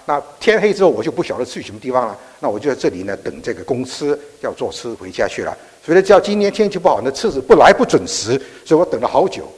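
A man's voice: medium pitch, big pitch swings, quick pace, few pauses, close to an everyday voice. A man voicing a humble old cleaning lady. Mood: weary. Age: older. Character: elderly immigrant woman cleaner, humble. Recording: echoey hall.

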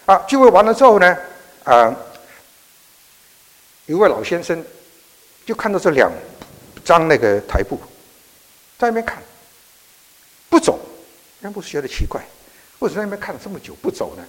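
A man preaching, telling a story in an animated, halting way with frequent restarts. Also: high voice. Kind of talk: sermon storytelling. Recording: echoey hall.

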